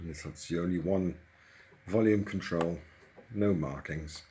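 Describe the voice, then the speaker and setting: A hobbyist presenter demonstrates a modified radio, explaining casually and hands-on while thinking aloud. His low voice is unhurried and warm, with slight background noise.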